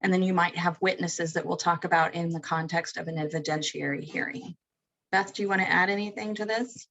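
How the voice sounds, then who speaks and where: A woman with a fairly low voice leads a webinar lesson. She works through legal terms one at a time in a steady, methodical way, with occasional light humor in her phrasing. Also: fairly quick, highs cut off. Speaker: webinar presenter.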